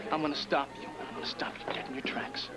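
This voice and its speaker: A man's voice: a little high, fairly quick, heavy background noise, lightly acted. A man playing a brash scheming developer. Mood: hostile. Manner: combative, sneering. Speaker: land developer in a soap opera. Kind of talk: 1980s daytime soap acting. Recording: loud music under the dialogue.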